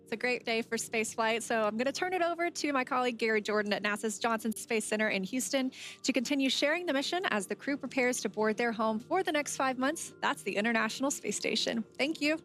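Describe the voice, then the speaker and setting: Higher-pitched female webcast presenter. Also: quick pace, a bit bright. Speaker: space agency broadcast co-host.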